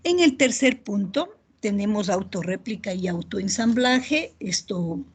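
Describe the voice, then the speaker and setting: Husky-voiced woman lecturing, checking understanding. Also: medium pitch. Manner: checks in often with "¿ya?" and "¿verdad?"; steady explanatory pace with filler pauses. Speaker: university lecturer. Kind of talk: online biochemistry lecture.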